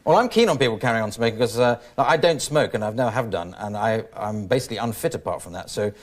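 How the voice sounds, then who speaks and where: A man's voice: fairly low pitch, expressive, fast. A man with an English accent hosting a chat show interview, chatty and self-deprecating. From England. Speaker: talk show host. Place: TV studio. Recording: TV studio with audience noise. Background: studio audience laughter.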